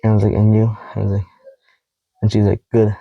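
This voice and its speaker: A young man vlogging casually to camera, reading out old text messages in a rambling, halting way with heavy sighs. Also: lowish voice, gravelly, no echo, narrow, tinny audio. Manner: quoting text messages in a flat tone.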